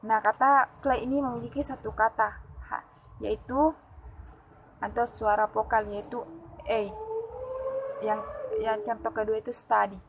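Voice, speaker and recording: A woman presenting phonology material as a student, reading her notes aloud and pausing often with fillers and restarts. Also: fairly high pitch, animated, a little hiss or hum, poor audio. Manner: halting, with frequent "eh" fillers and restarts. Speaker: student presenting an exam assignment.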